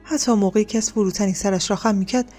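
A woman narrating an audiobook in a soft, hushed reading voice. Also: medium pitch, steady tone, soft background music.

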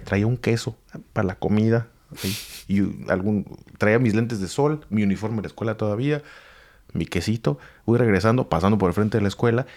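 A man's voice: lowish voice, a little mellow. A Mexican man casually telling a funny street-fight story on a podcast, swearing freely and acting out other people's voices. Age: adult, grew glasses as adult.

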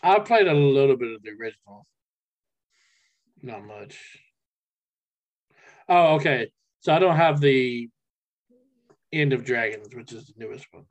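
Speakerphone voice, muffled lo-fi sound, mid-pitched, casual gaming chat, rambling. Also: expressive, unhurried, long pauses. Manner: rambling, trails off mid-sentence. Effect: heard over a speakerphone.

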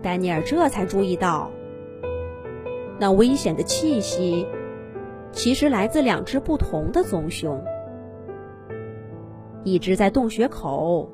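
A woman narrating a children's animal story in an expressive, dramatic way. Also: mid-range voice, takes it slowly, pauses often, over music.

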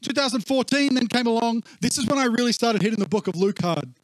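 A man's voice: very high voice, fast talker, no room sound. A man giving an informal, discursive church talk as pastor, his voice muffled and gurgling as if underwater from a faulty recording. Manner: conversational, discursive. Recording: muffled, warbly, underwater-sounding audio.

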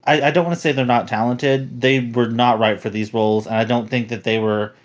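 A man's voice: mid-range voice, fairly even intonation, fairly quick. A man hosting a casual podcast chat, rambling and critical, often restarting his sentences. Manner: rambling, critical, self-correcting. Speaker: podcast host.

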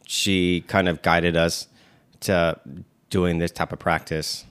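A man with a very deep voice talking in a level, unvaried way. He co-hosts a relaxed chat and rambles, stopping and restarting his sentences with lots of "um" and "like." He sounds like he's in his thirties. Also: slow, clear, resonant tone. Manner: rambling, many fillers and restarts. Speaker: podcast co-host. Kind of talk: casual chat.

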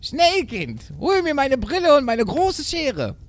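Guy putting on a mother goat, way up high and wailing, slow and dramatic, storybook reading. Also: huge pitch swings, heavily acted. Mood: urgent. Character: grieving mother goat, female, anxious.

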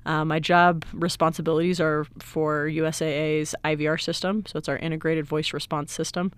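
A woman in her thirties speaks as an interview guest, explaining things at length in a cheerful, easygoing way. Her voice is smooth and clear. The recording is close and dry, with no room sound. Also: low-pitched, flat delivery, moderate pace, no room sound. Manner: upbeat, laughs easily, explains at length. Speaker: guest, IT director. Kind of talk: casual interview conversation.

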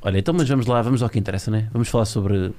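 A man hosting a podcast interview, joking and bantering in a quick, playful way. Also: fairly low pitch, mellow. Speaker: podcast host. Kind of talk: casual interview chat.

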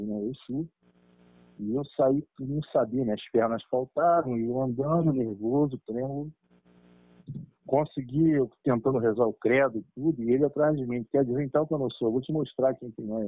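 Man, middle-aged, lively chuckling storytelling, tinny lo-fi line. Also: mid-range voice, no room sound. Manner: lively, chuckling, acts out dialogue. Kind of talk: personal spiritual storytelling. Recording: tinny dry phone-like line.

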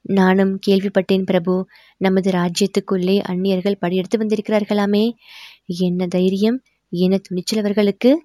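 A woman's voice: medium pitch, level tone, normal speed, warm tone, no room sound, clean studio sound, close to an everyday voice. A woman voicing a devoted, earnest older male sculptor in a storybook reading, with humble, deferential speech.

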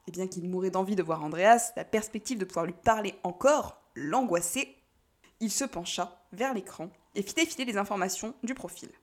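Calm and measured, a woman reads from a novel as an audiobook narrator. Her pitch is medium, and the delivery is scripted narration.

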